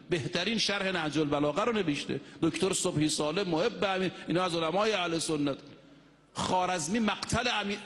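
A man preaches to a mosque congregation in a raised, high voice. He declaims steadily and slows right down whenever he intones a quotation. The sound rings with a long hall reverb. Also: a bit bright. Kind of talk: mosque sermon.

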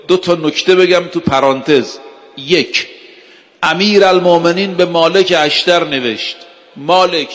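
A man preaching a religious sermon, stressing words slowly with rhetorical questions, in a hall with long reverb. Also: a little high, fairly bright tone. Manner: emphatic, slow, drawn-out delivery with rhetorical questions. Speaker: cleric preacher.

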